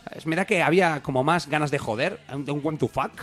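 A man's voice: a little high, a little fast, fairly bright tone, faint music behind. A man from co-hosting a comedy radio magazine, rambling in a mock-serious, ironic way. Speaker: radio show co-host.

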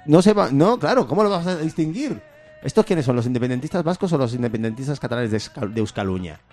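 A man's voice: medium pitch, lively intonation, fast, a little mellow, faint music behind. A man chatting casually and jokingly on a podcast, rambling through a comic argument. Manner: rambling, jokey, breaks into laughter. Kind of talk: casual comedic chat.

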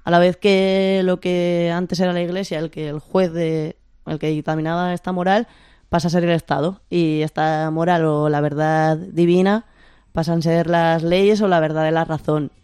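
A speaker of unclear sex with a Spain accent and a slight lisp, explaining informally and haltingly, often checking with short tag questions. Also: mid-range voice, level tone, a little mellow, clear, resonant tone, dry recording, studio quality. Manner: lisping, pronouncing s as th. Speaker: discussion leader.

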